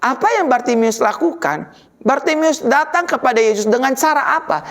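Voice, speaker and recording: A woman pastor preaching a sermon dramatically, swinging between loud and quiet passages. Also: high voice, very animated, moderate pace.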